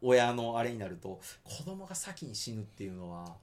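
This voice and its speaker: Animated man chatting. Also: medium pitch, moderate pace. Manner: animated, laughs often, slips into Kansai-style quoted lines. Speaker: podcast co-host. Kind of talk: casual chat about anime.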